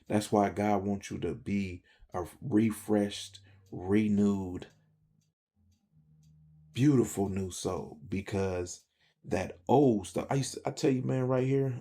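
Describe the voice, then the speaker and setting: Gravelly, husky man telling his story. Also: lowish voice, dark tone. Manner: emphatic, slangy, rambling storyteller. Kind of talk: personal testimony to camera. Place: speaking to a camera.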